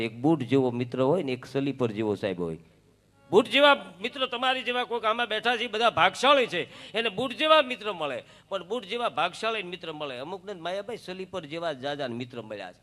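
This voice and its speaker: A man with a slightly high voice tells joking folk anecdotes to a devotional gathering. He stretches phrases in a sing-song way, close on a stage microphone. Faint instrument music plays underneath. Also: sharp tone. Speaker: folk storyteller and devotional singer.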